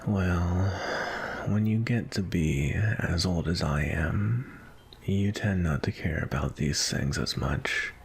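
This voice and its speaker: Sebastian, a deep, gravelly vampire acted by a man. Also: full character voice. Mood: calm, reassuring. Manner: polite, unhurried, flirtatious. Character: suave, courteous, centuries-old male vampire on a date. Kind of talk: ASMR roleplay, intimate and softly spoken.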